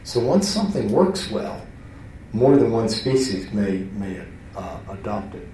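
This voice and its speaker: A man's voice: lowish voice, very animated, unhurried, warm tone, slight background noise. A man teaching a class in a conversational, self-interrupting way, often restarting his sentences. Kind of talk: lecture to a class. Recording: roomy hall, voice from far off.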